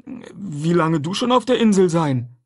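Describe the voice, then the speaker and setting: Brief: timid, simple man pleading in broken speech, pitched high and husky. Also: lively intonation, a little slow, darkish tone. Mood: eager plain. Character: frightened hungry grown man, pleading and simple. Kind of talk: audiobook character voice.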